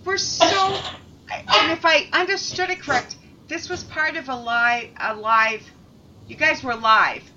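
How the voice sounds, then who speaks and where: High-voiced woman host, lively. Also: measured pace, recorded from a distance, dull audio, heavy background noise. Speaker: podcast host. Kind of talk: casual podcast chat.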